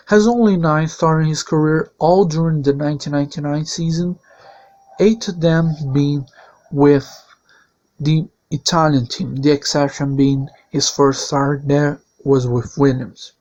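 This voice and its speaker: In a league channel's voice-over season preview, the host, a man whose first language is Portuguese, gives a plain, steady recap in non-native English. His voice sits a little high, and the audio sounds dull.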